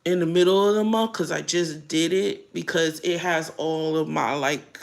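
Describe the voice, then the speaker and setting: Eating as she talks, a middle-aged American woman rambles through a casual vlog, occasionally speaking with her mouth full. She has a low, gravelly voice and an earthy, blunt way of putting things.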